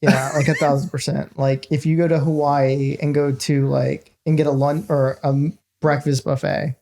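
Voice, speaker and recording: A man's voice: a little high, flat delivery, moderate pace, gravelly, a little mellow, slight background noise. A man co-hosting a podcast, talking in a rambling, casual way with many restarts. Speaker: podcast co-host. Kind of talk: casual chat.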